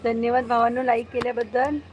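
Woman, live-stream host, outdoors at home, coaxing baby talk, sharp scolding, slightly high voice. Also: completely flat delivery, fast, lo-fi sound, a little hiss or hum. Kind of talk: casual live-stream chat with pets. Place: outdoors at home near a gate.

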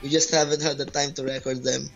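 On a dull lo-fi call backed by music, a bass player from the Philippines, a Tagalog native with a Filipino accent, hesitantly answers interview questions. His medium-pitched voice is creaky and flat, and he talks fast.

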